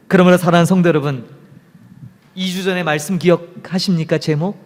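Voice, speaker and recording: A man pastor preaching a sermon in a church, moving from loud exclamations to hushed whispers. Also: fairly high pitch. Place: church sanctuary. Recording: long hall reverb.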